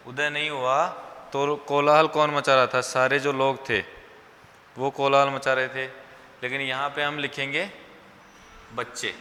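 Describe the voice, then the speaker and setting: A man's voice: medium pitch, bright, forceful tone. Hindi-speaking male teacher dictating answers. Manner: explains slowly, repeats answers for dictation. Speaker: school teacher. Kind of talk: online class lesson. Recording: echoey room with faint background hum.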